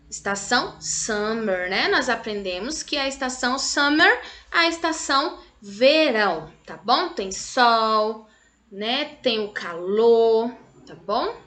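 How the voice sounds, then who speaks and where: Woman teacher for small kids, slow and patient, sharp bright tone, keeps checking in. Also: fairly high pitch. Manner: patient, checks in often with short questions. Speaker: English teacher. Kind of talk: recorded class for young children.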